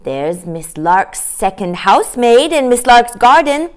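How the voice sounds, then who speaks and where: A woman voices an excitable, chatty little boy in a children's storybook, eagerly reporting things in breathless exclamations. Her voice is pushed up to a fairly high pitch, yet her pace stays measured.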